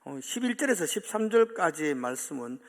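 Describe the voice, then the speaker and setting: A man preaching a sermon as pastor, animated, acting out quoted voices with sudden swings from loud to soft. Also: fairly high pitch, fairly quick. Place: church sanctuary. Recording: long church hall reverb.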